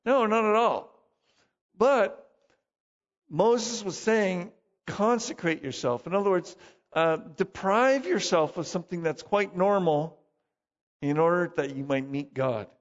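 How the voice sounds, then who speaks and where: A man's voice: high-pitched, slow, pauses often. A man preaching a sermon as pastor, conversational and self-deprecating, full of rhetorical questions. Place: church. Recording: dull, reverberant church hall recording.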